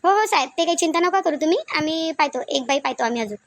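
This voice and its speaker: A high, brisk cartoon village woman pleads for calm, repeating herself gently, as a woman acts her out. She speaks with a Varhadi Marathi accent. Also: no room sound. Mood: polite. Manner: soothing, pleading, repetitive. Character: calm peacemaking group leader woman Sulochana.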